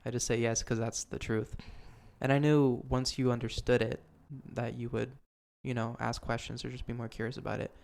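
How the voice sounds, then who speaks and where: Speaking at a moderate pace, this young podcast host has a darkish, medium-pitched voice with vocal fry and little pitch movement. He chats casually and earnestly, rambling through many ums and restarts.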